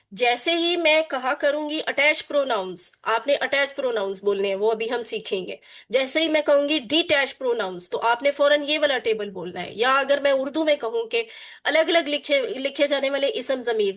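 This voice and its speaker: Lady teaching quran arabic, kinda high voice, repeats everything call and response style. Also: fairly bright tone. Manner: repetitive call-and-response drilling; mixes English teaching terms into her speech. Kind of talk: online class lesson.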